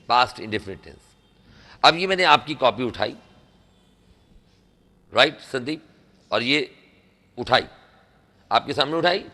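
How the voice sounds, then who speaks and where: A man with an Indian accent teaching an English grammar lesson in a classroom, animated as he quizzes and praises his students. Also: medium pitch.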